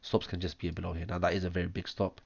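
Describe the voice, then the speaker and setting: Rattling along rapid-fire, a trading analyst counts waves one at a time through a screen-shared chart, his deep, hoarse voice flat and full of ums, broken by a chesty cough. The recording is dry and dull, close to the mic, with breathing audible.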